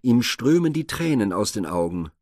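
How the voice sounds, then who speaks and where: A man voicing a gentle young woman, a loyal daughter, speaking mildly in a spoken myth retelling. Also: medium pitch, big pitch swings, moderate pace, no room sound, clean studio sound. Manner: mild, soothing.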